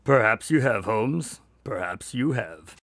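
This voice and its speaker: A man playing a detective's doctor sidekick and storyteller in a radio drama, conversational and expressive. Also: medium pitch, slow pace, loud music behind the voice. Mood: earnest.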